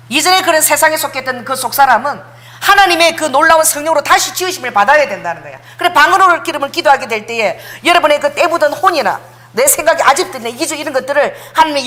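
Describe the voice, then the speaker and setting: A middle-aged woman preaches in a lively, animated sermon. Her voice sits a little high and swings widely in pitch as she tells stories, acts out quotes, and breaks into tongues. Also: quick pace.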